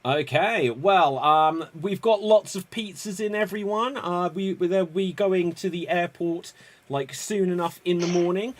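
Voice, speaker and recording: Running a live improv game on a video call, a man hosts with game-show energy in a voice that sits high and moves at a measured pace. He's cheerful, a touch rambling, and self-correcting.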